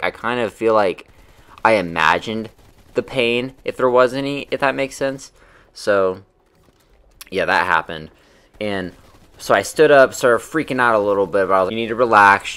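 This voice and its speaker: A man's voice: lowish voice, fairly bright tone. A young man casually telling a personal story in a loose, rambling way, full of fillers and swearing.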